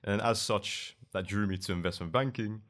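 Young London man, low voice, rambling guest who restarts his words often, booth mic in a studio. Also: normal speed, a bit bright. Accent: London English. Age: young adult. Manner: loose, rambling with many restarts and fillers. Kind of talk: casual interview. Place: podcast studio with couch. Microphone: boom mic on arm.

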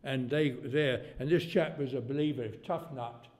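Elderly preacher in a reverberant church. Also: male voice, mid-range voice, fairly even intonation, moderate pace, darkish tone. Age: 80s. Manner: folksy, rambling preacher with sudden rises in volume. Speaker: pastor. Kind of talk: sermon. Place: church hall.

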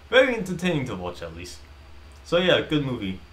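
A man casually retelling a movie plot in a rambling, animated way while streaming a game. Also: mid-range voice, normal speed. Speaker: gaming streamer. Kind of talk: casual commentary while playing.

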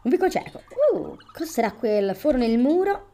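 A woman doing gameplay commentary, thinking out loud as she plays and talking to the characters. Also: a little high, very animated, a little fast. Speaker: video game streamer. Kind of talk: gameplay commentary, reading game dialogue aloud. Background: video game music.

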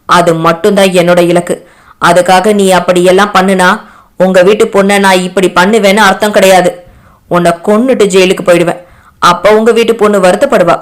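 A woman's voice: mid-range voice, close to an everyday voice. Woman voicing a defiant young man, harsh, scornful, storybook drama. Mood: threatening.

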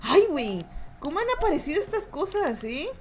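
A young woman with a Mexican accent streams a game live, chatting with viewers, reading chat aloud, and being rowdy with lots of swearing and laughter. Her voice is high, with big pitch swings at normal speed, over a noisy background.

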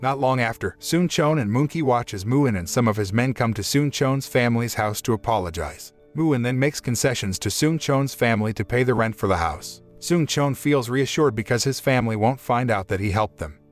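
A man narrating a scripted previously-on style recap of a drama series in a steady, expository storytelling manner. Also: medium pitch, normal speed, hardly any pauses, faint music behind.

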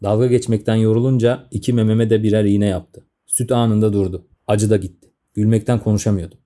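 A man in his thirties tells a comic story in the first person, grumbling and sardonic. His voice is low and very dark and mellow. He rushes through his sentences at a fast clip. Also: fairly even intonation. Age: 30s.

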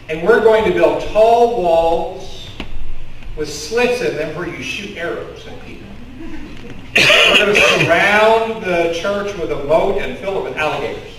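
A middle-aged pastor with a Kentucky accent preaches to his congregation in a high, fairly bright voice, telling stories conversationally and gesturing with open hands. He stands before a curtain in the church sanctuary, using a stand mic and a headset mic, and is filmed from among the congregation. The sound is echoey and distant, with slight background noise.

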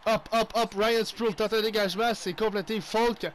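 A young man with a Québécois accent giving excitable play-by-play commentary on his own hockey video game, mixing in English exclamations. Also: high voice, normal speed. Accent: Québécois French. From Quebec. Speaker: gaming YouTuber.

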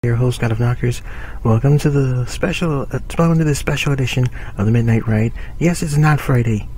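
A man's voice: medium pitch, a little fast, a little mellow, slight background noise. A man hosting a gaming livestream, chatting offhand and swearing while he fiddles with his stream settings. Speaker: stream host. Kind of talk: casual livestream commentary.

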